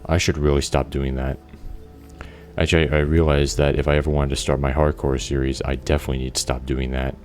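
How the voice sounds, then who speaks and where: A man's voice: extremely low pitch, flat delivery, fast, darkish tone, faint music behind. A man casually talking through his gameplay, thinking aloud with lots of restarts, fillers and the odd swear word. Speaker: gameplay video creator.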